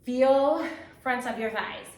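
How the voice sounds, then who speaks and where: A woman coaching a workout like an aerobics instructor, giving short, encouraging, energetic cues as she exercises. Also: high voice, takes it slowly. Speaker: fitness instructor leading a workout. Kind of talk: aerobics instructor cueing and counting down. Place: echoey room, exercising while talking. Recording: very echoey room, distant microphone.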